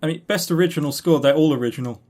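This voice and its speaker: His voice is fairly high and darkish, and he races along while co-hosting a casual podcast chat about award lists. Expect rambling, dry sarcasm and casual swearing.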